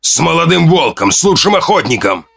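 A man voicing an enraged wounded young hunter. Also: normal speed. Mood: furious. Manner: shouting, shrill.

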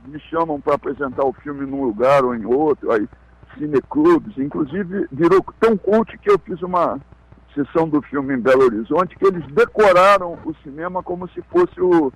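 Man, gravelly voice, dry close mic, film director talking about his work, relaxed. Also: a little high, moderate pace, no echo, low-quality recording. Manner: relaxed, anecdotal storytelling. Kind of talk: radio interview guest.

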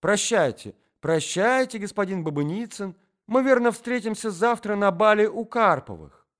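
A man voicing a flustered, flirtatious society lady who gushes in breathless, shrill exclamations. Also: sing-song, moderate pace, darkish tone. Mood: gushing.

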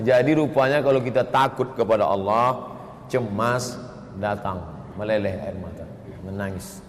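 A man giving a lively sermon, telling stories and breaking into chanted phrases. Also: fairly low pitch, a little hiss or hum. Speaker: preacher. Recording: echoey hall with faint ambience.

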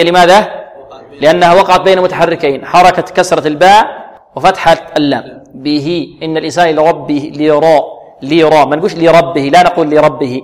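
A man teaching Quran recitation who asks the class questions, answers them himself, and repeats words slowly for practice. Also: fairly high pitch, in a large hall.

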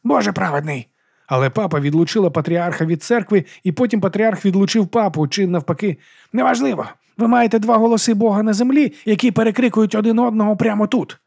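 A man's voice: sits high, fast, vocal fry, darkish tone, voice pushed up. Man doing a crude rambling woman warrior. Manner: blunt, swearing, chatty.

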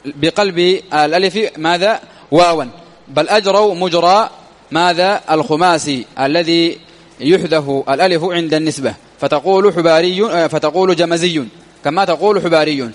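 Male grammar teacher, high voice, long echo; reads the text, then explains and quizzes himself. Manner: reads quoted text then explains it, asks and answers his own questions. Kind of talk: classroom lesson explaining a text. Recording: long hall reverb.

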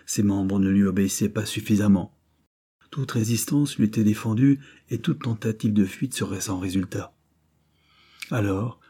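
A man narrating an audiobook in a steady, even reading voice. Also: lowish voice, husky. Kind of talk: audiobook reading of a classic novel.

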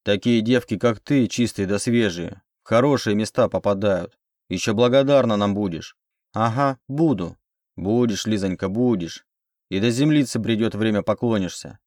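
A man playing a rough male cart driver who mocks and threatens, talking gruffly. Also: on the low side, normal speed, a little mellow, no echo, clean studio sound, lightly acted. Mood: mocking. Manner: gruff and mocking.

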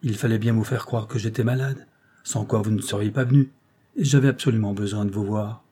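A man's voice: on the low side, steady tone, a little fast, mellow, slightly rough. A man voicing a proud, feverish young actress who talks in a curt, imperious, pressing way. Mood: curt, irritated.

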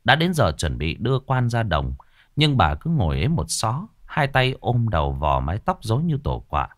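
A man narrating a ghost story in a slow, somber way. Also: on the low side, wildly swooping pitch. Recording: faint music behind the voice.

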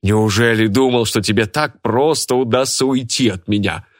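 A man's voice: medium pitch, moderate pace, no echo, clean studio sound, close to an everyday voice. A man voicing a jealous, burly young woman who bellows and bosses everyone around. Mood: furious. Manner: bellowing and bossy.

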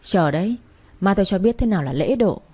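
A woman's voice: mid-range voice, lively intonation, a little fast, mellow, husky. A woman voicing a blunt, commanding young man in a read-aloud story. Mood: teasing. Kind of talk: storybook character voice.

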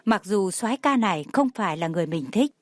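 A woman narrating an audio novel in a steady storytelling manner. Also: medium pitch, quick pace, no echo, studio quality.

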